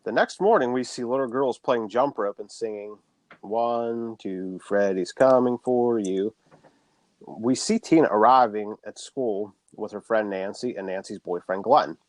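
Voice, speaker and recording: A man's voice: on the low side, animated, normal speed, few pauses, no echo. A man co-hosting a podcast, casually recapping a horror film plot and swearing freely.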